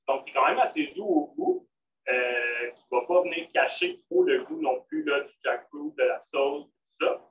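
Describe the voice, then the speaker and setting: Leading a live vegan cooking demonstration, a cook from a vegan restaurant talks casually in a Québécois French accent, often restarting and using fillers. He has a medium-pitched, slightly bright voice with lively intonation and a moderate pace. The sound is distant, roomy and dull, carrying faint noise.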